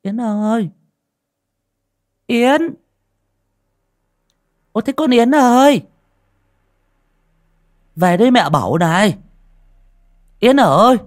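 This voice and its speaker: A man voicing a frantic village mother, calling out and crying in high shrill cries. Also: expressive, very slow, pauses often, heavily acted.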